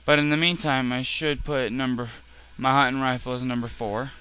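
A man commenting casually on his own game playthrough, swearing loudly at enemies and saying he is tired and irritated. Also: mid-range voice, little pitch movement, normal speed, a little hiss or hum. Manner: profane, loud outbursts at enemies. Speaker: gaming channel host. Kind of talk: casual let's play commentary.

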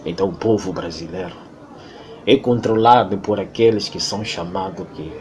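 A man's voice: low voice, normal speed, a little mellow, a little hiss or hum. Emphatic Angolan man lecturing. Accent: Angolan Portuguese. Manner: emphatic and lecturing, with much repetition. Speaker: interviewee. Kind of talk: impassioned monologue.

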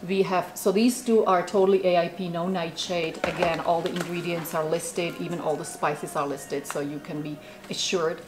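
Music plays in the background as a Czech food company founder in her forties is interviewed casually inside a small, bookshelf-filled office. Her voice is on the low side with fairly even intonation, and she talks at a moderate pace with hardly any pauses, animated and full of fillers, in a Czech accent.

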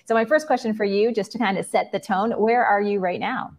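A woman's voice: mid-range voice, brisk. A woman in her forties moderating a virtual fireside chat, asking friendly, well-paced questions over a video call. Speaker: interviewer, moderator.

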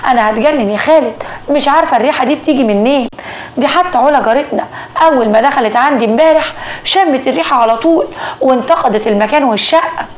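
A woman's voice: high voice, fast, lightly acted. A woman voicing an anxious, easily alarmed Egyptian housewife in a told story, speaking in an agitated, exclaiming way. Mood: fretful. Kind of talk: storytelling dialogue.

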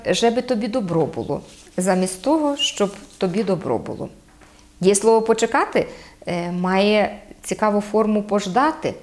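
A woman from Podillia speaks with a Podillia Ukrainian accent, her voice sitting at an ordinary middle pitch. She explains dialect features in a halting way, filling pauses with drawn-out sounds and slowing down to set word pairs side by side. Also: darkish tone. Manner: hesitant, frequent "e" fillers, spells out sounds slowly. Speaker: guest explaining local dialect.

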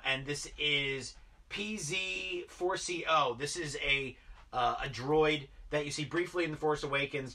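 A toy collector vlogger in his thirties unboxes toys in his basement, rambling enthusiastically and packing his talk with fillers. His mid-range voice sounds pushed, bright and husky. It's recorded from a distance in an indoor toy room.

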